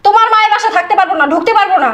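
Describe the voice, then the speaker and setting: A woman playing a cruel young wife who shouts insults and sneers at her husband and mother-in-law in a skit. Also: very high voice, racing, echoey room. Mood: scornful.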